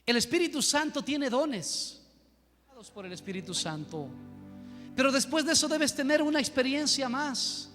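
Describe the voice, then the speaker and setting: A man's voice: very high-pitched, lively intonation, moderate pace, pushed and bright. A man preaching a sermon as pastor, telling a story and then pressing his point with fervor. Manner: storytelling, rising to fervent preaching. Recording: reverberant church hall with music.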